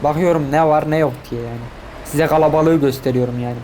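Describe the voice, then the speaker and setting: A man giving live commentary on a truck driving game, excitable and repeating his words. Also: on the high side, quick pace, slight background noise. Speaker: gaming streamer.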